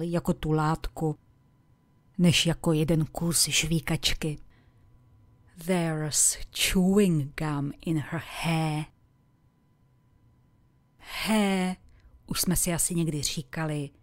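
A woman with a low-pitched voice teaches English. She explains in a didactic way and enunciates each example deliberately. The recording is close and dry, with very little room sound. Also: darkish tone, dry recording. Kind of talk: scripted language lesson with slowly repeated example words.

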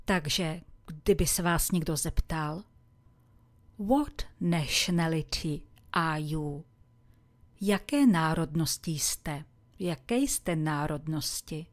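A woman teaching English in a recorded lesson, saying example phrases slowly and clearly for listeners to repeat. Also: low voice, no room sound. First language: Czech. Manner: slow, carefully spoken example phrases for repeating.

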